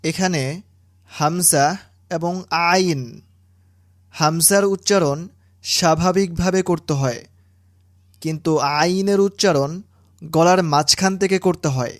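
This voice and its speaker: A woman teaching Quran reading, pronouncing letter sounds slowly and deliberately, one syllable at a time. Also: on the low side, dry recording, studio quality. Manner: slow, deliberate, drawn-out syllables. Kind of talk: slow instructional recitation lesson.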